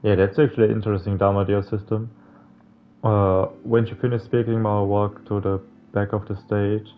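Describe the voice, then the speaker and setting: Over game music, a man plays through a visual novel informally, reading the text aloud with stumbles, some swearing and his own comments. He speaks at normal speed in a fairly low voice with little pitch movement, and the audio is narrow and tinny.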